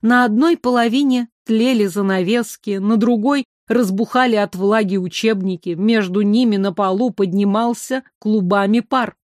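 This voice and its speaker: A woman narrating an audiobook with an expressive storytelling manner. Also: medium pitch, moderate pace, hardly any pauses, no echo, studio quality.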